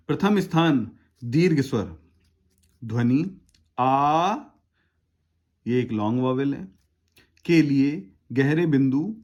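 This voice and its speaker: A man's voice: mid-range voice, a little mellow, dull audio. A man teaching shorthand in a tutorial, patiently spelling out words syllable by syllable. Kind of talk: step-by-step tutorial explanation.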